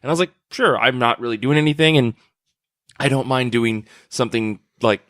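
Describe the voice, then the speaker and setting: A man's voice: medium pitch, brisk. A man co-hosts a comics podcast, chatting casually about his day. He tells stories with lots of laughter and the odd swear word. The sound is dry and close, with no room echo. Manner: animated storyteller, swears, laughs often. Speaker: podcast co-host. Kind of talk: casual chat. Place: comic convention, recorded on site.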